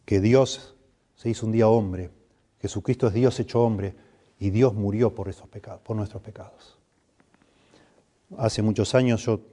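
Pastor, male, Rioplatense accent; low, mellow voice, earnest sermon delivery that builds emphasis. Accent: Rioplatense Spanish. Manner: earnest, grows emphatic on scripture. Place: church sanctuary.

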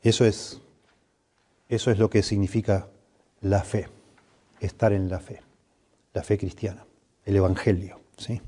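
Pastor, male, Rioplatense accent; low, mellow voice, earnest sermon delivery that builds emphasis. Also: level tone, a little slow, long pauses, breathy edge. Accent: Rioplatense Spanish. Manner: earnest, grows emphatic on scripture. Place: church sanctuary.

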